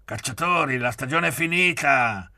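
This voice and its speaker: A man's voice: medium pitch, expressive, moderate pace, bright, forceful tone, pitched above the performer's own voice. A man doing a sneering young provocateur. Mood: mocking. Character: young man, mocking and restless. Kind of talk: audiobook reading.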